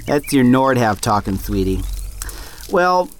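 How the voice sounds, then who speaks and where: A man's voice: mid-range voice, big pitch swings, slow pace, slight background noise. A man playing a laid-back, bumbling father and would-be mage who jokes and hesitates a lot. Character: easygoing bumbling Nord dad mage.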